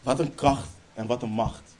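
A man's voice: mid-range voice, steady tone, a little slow, darkish tone, husky. A man preaching a sermon in Dutch churches' style, stressing key lines emphatically, then leading a prayer.

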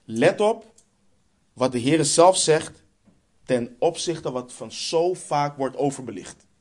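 A man's voice: a little high, expressive, takes it slowly. A man with a Dutch accent preaching a sermon, emphatic and stressing points by repeating phrases.

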